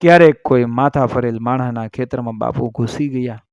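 A man narrating an emotional village story in a measured, earnest storytelling manner. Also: medium pitch, fairly even intonation, gravelly, darkish tone, smooth, no echo, studio quality.

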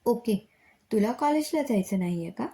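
A woman's voice: a little high, lively intonation, moderate pace, dark tone. Woman reading as fussing middle-aged mother. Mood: teasing.

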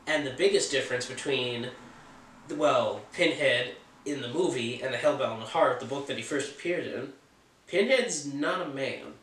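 Casual male film reviewer, opinionated and joking, middle pitch, roomy distant sound. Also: normal speed, fairly bright tone. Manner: chatty and opinionated, with offhand jokes.

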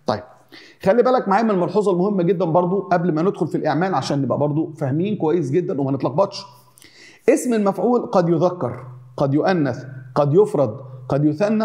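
A man with an Egyptian accent teaching an Arabic grammar lesson, repeating examples in slow rhythmic lists. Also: on the high side, warm tone.

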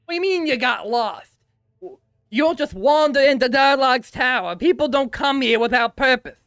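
A man's voice: very high-pitched, animated, clear, resonant tone, pitched above the performer's own voice, full character voice. A man voicing an easily offended male skeleton in a red robe, speaking with a Boston accent and firing off indignant questions. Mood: scornful. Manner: indignant, loud, rapid-fire questions.

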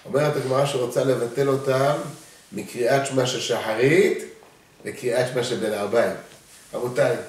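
A man's voice: medium pitch, slight background noise. A male rabbi giving a sermon, telling stories with animation and acting out the voices. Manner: animated storyteller, acts out voices. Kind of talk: storytelling sermon. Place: synagogue study hall. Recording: echoey hall, far from mic.

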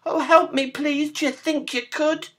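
A small, frightened storybook piglet, voiced by a woman, pitched very high. He squeals and pleads plaintively, with an indignant edge to his fear. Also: fairly even intonation, a little slow, a bit bright. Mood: desperate, pleading. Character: frightened, pleading little male pig.

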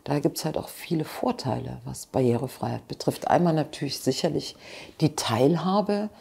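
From a living room, a woman with a deep, warm, creaky and husky voice answers an interviewer's questions at a moderate pace. She is passionate and outspoken, often restarting and slipping in asides.

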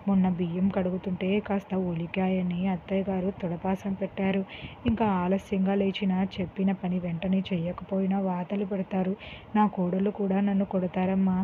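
A woman's voice: mid-range voice, little pitch movement, moderate pace, close to an everyday voice. A woman reading a story aloud, voicing a frightened young widow who pleads through tears. The sound is tinny and phone-like with a faint hiss. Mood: tearful pleading. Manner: tearful, pleading.

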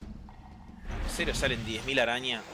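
A man with a Rioplatense Spanish accent giving chatty, excitable gameplay commentary, reading game lines aloud and answering chat. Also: mid-range voice, unhurried, background noise. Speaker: gameplay streamer.

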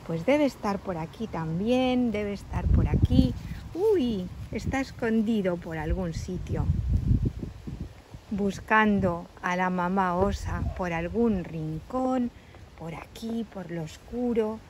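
A woman narrating a toy-play story for children, speaking gently and addressing young listeners directly. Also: mid-range voice, slow, noisy background.

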